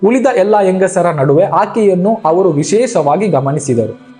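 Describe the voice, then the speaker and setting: A man telling a religious story as scripted narration, with a measured, solemn delivery. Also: high voice, lively intonation. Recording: soft background music.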